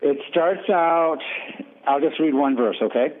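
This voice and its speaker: A man calling in to a radio show on a speakerphone, reading a scripture verse slowly and deliberately. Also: on the high side. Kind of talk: call-in talk, reading scripture aloud. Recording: rough, tinny speakerphone line.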